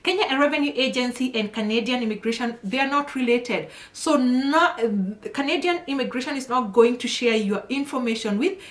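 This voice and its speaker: A woman's voice: high voice, moderate pace, few pauses, reverberant. A woman immigration consultant giving direct, scolding advice in a vlog.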